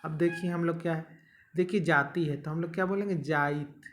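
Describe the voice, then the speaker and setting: Casting note: young male tutor, slightly high voice, patient step-by-step explaining. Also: fairly even intonation, fast talker, fairly bright tone. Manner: explains step by step, repeating and checking "ठीक है". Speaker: teacher. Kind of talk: exam-prep grammar lesson.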